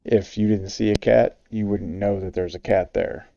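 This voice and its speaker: Deep, mellow man telling a casual story. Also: normal speed, gravelly, lo-fi sound, a little hiss or hum. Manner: relaxed storytelling with fillers. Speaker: stream guest. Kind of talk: casual chat.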